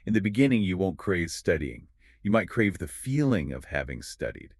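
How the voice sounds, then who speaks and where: Deep, lively-voiced man explaining confidently. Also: normal speed, no room sound, clean studio sound. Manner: confident, explains in clear steps. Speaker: podcast co-host. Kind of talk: explanatory podcast chat.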